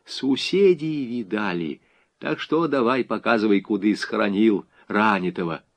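Man doing a deep-voiced bullying Cossack sergeant. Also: lively intonation, measured pace, dry recording. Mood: menacing. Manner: commanding, threatening.

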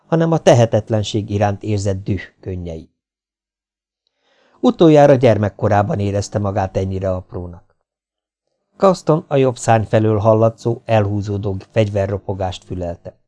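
Guy reading an audiobook, lowish dark voice, steady and measured. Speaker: audiobook narrator. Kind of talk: scripted audiobook narration.

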